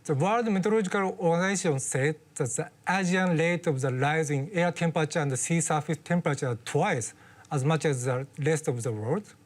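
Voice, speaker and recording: Expert guest explaining stuff, mid pitch, patient, bit of non-native phrasing. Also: a little fast. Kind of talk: interview.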